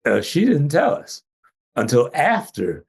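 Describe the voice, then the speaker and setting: An older male physician telling stories in a relaxed interview, laughing often as he talks. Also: on the high side, a little slow, gravelly, husky. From Jamaican family, trained in Atlanta. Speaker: physician guest. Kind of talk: casual interview talk.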